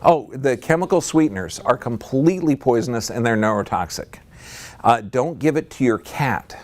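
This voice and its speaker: A man giving a talk to a live audience in a room, speaking emphatically and leaping up in pitch to stress a point. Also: animated, moderate pace.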